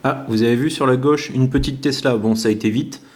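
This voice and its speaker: Brisk and darkish in tone, a man at medium pitch vlogs on the move for YouTube, keeping things informal and chatty with dry, joking asides to viewers.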